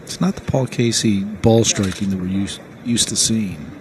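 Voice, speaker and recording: A man's voice: on the low side, normal speed. A man giving conversational analysis as co-commentator on a live golf broadcast. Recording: steady outdoor background noise.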